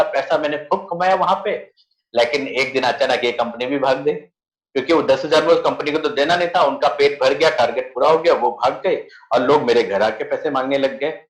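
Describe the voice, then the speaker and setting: Earnest Indian man telling his story. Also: medium pitch. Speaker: network marketing leader. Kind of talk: personal success story on a video call. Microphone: video call. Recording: echoey room on a video call.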